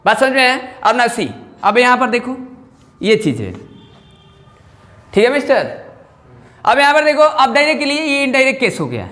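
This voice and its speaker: A man's voice: very high-pitched, big pitch swings, moderate pace, pauses often, bright, forceful tone. Guy teaching maths to a class, keeps checking they follow, echoey classroom with long reverb. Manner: keeps checking if students follow, coaxing questions. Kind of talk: classroom lecture. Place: classroom with students.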